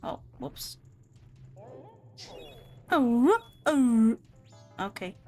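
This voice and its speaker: A woman's voice: on the high side, expressive, very slow, dark tone. A woman streaming a video game, chatting casually and playfully, laughing at herself as she plays. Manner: giggly, playful, self-mocking. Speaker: VTuber streamer. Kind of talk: casual gameplay commentary. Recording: faint game music behind. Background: faint game music.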